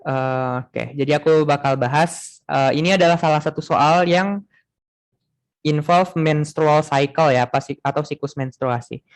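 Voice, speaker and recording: A man's voice: fairly high pitch, a little slow. A young man tutoring a class online in a casual way, thinking aloud with many fillers and restarts.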